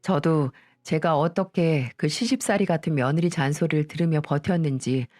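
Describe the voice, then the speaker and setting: A woman's voice: sits low, moderate pace, darkish tone, no room sound. Indignant older woman telling her story. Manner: indignant, addresses listeners directly. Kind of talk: story radio narration. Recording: dry voice with faint music.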